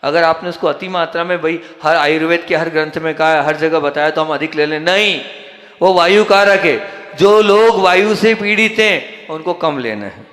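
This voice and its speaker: A man's voice: on the high side, normal speed, fairly bright tone. A man from central India giving a conversational sermon, asking the audience questions and answering them himself. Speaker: Jain monk giving a discourse. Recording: echoey hall.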